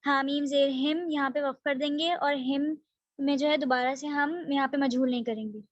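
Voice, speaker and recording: A female student slowly explaining recitation rules letter by letter in an online class. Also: sits high, fairly even intonation, dry recording. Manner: slow, methodical, letter-by-letter. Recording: dry, dull lo-fi online call audio.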